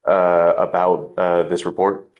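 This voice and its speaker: A man speaking as a defense lawyer in a courtroom recording, halting and restarting his phrases. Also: low voice, little pitch movement, phone-quality sound. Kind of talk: courtroom argument and questioning, courtroom recording.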